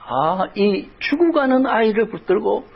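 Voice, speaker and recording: A man's voice: sits high, big pitch swings, a little slow, creaky, highs cut off. A middle-aged male pastor preaching a sermon, telling a personal story with emotion that rises toward crying out in prayer. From South Korea.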